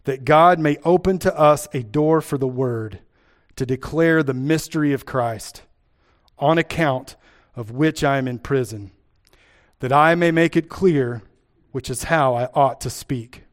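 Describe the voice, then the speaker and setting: A man's voice: medium pitch, measured pace. A man from Kentucky with an Appalachian accent, preaching a sermon and teaching from scripture, repeating key phrases for emphasis.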